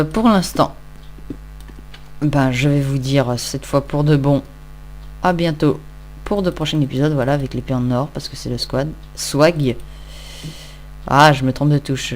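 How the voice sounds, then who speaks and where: Just out of bed and tired, a Minecraft let's-play host rambles casually and jokes at his own expense while playing. His voice is fairly high in pitch with a darkish tone.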